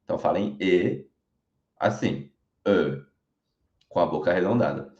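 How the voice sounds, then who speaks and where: A Brazilian man teaching French in an online lesson, speaking clearly and modelling each sound slowly so learners can repeat it. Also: low voice, expressive, a little mellow. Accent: Brazilian Portuguese. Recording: roomy, dull lo-fi recording.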